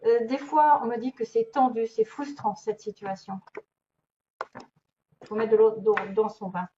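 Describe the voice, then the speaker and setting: A woman's voice: on the high side, steady tone, unhurried, warm tone. Chatty woman reading tarot. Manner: chatty, thinking aloud with many fillers and little laughs. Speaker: tarot reader. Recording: dull lo-fi recording, faint noise.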